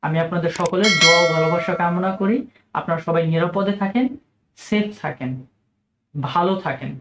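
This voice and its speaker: A man from Bangladesh, teaching English pronunciation in a video lesson and repeating each example word slowly and deliberately. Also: sits high, a bit bright, a little hiss or hum. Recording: echoey room.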